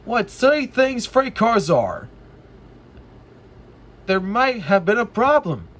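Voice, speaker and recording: A man puts on a plucky little storybook steam engine, raised in pitch and emphatic. He is eager and determined, pushing out his words with vigour. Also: very animated, slow, a bit bright, heavily acted. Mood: scornful. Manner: eager, emphatic puffing repetitions.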